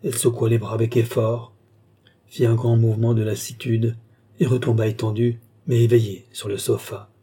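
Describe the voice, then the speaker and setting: A man narrating a classic novel as an audiobook in a measured, dramatic reading. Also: mid-range voice, little pitch movement, warm tone, breathy edge.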